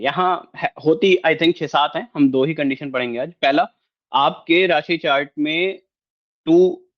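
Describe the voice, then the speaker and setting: Man teaching in a muffled, lo-fi recording. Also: a little high. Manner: explanatory, mixes Hindi with English, frequent check-ins. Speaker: astrology teacher. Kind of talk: online lesson with screen share. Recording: slightly muffled lo-fi audio.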